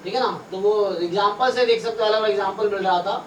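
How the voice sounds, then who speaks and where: A man with a high, slightly bright voice talks fast with fairly even intonation while teaching a math exam-prep class. He works through problems by thinking aloud, repeating himself and mixing Hindi with English. The mic is distant and roomy, with faint noise.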